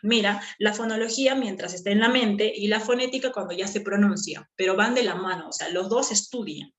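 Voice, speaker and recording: A woman's voice: medium pitch, a little fast. A woman teacher explaining a lesson patiently, repeating key terms and checking that students follow. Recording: echoey room.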